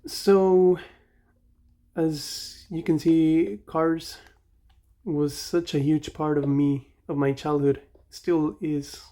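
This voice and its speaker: Drawing out his words in a mellow, somewhat high voice with fairly even intonation, a young Mexican-accented man hosts a gaming channel. He rambles nostalgically and casually as he plays, frequently correcting himself mid-sentence.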